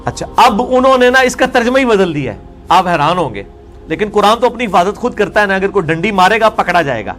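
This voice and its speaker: Man, high-pitched voice, religious lecture, combative, faint music underneath. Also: very animated, a bit bright. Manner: explaining verse by verse, combative. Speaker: religious scholar.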